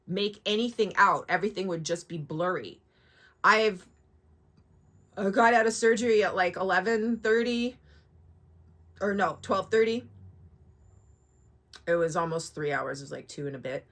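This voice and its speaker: Bright-voiced woman vlogger, candid and sweary. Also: on the low side, normal speed, pauses often. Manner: candid, sweary, rambling with asides and self-corrections. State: sore and shaken hours after surgery. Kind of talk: casual personal vlog.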